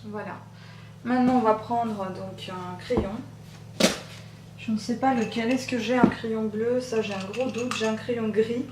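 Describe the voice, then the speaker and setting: A woman with a soft voice talking through a makeup tutorial in a relaxed, chatty way, pausing often. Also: on the high side, recorded from a distance. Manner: chatty, hesitant with many pauses. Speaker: beauty vlogger. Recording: roomy echo, off-mic, machine hum. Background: machine hum.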